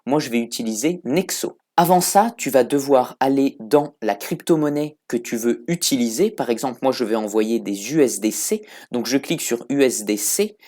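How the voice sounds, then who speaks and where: A man's voice: medium pitch, animated, moderate pace, few pauses, a little mellow. A man casually talking the viewer through an app, step by step, in a chatty tutorial style. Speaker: crypto tutorial host. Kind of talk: casual screen-recorded app walkthrough.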